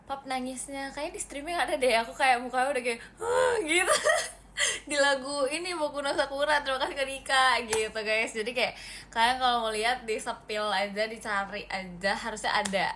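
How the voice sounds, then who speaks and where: A woman's voice: a little high, fairly even intonation, fairly quick, a bit bright, a little hiss or hum. A seventeen-year-old girl from Indonesia hosting a casual livestream, chatting and thanking viewers one by one, slipping English phrases into her talk. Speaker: livestream host. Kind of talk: casual livestream chat reading comments.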